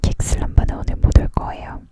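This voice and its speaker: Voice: fast, close to an everyday voice. A reader voicing an elegant, bashful female dream maker in a whispered role-play of a storybook, polite and evasive. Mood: informative.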